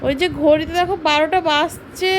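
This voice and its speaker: A woman's voice: high voice, fairly even intonation, fairly quick, slight background noise. A woman chatting playfully with a small child as a playmate, coaxing and repeating her questions. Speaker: adult playmate hosting a child's video.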